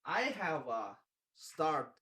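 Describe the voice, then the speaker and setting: A young man from China with a Chinese accent, hosting a casual talk show in English and often searching for words. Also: on the high side. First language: Mandarin. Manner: halting, searches for English words, animated hand gestures. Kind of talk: casual chat. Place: small indoor room, seated at a table.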